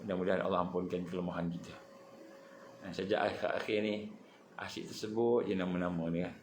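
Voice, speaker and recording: Middle-aged malaysian guy giving a sermon, goes low then punches up high, roomy echo. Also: a little fast, slight background noise. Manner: animated, swings between low earnest tones and high emphatic bursts. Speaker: religious teacher. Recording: echoey room with faint ambience.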